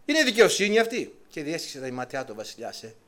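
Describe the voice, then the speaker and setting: A middle-aged man preaching a sermon to a congregation, emphatic, his voice climbing high and then dropping low. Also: very animated, fairly bright tone.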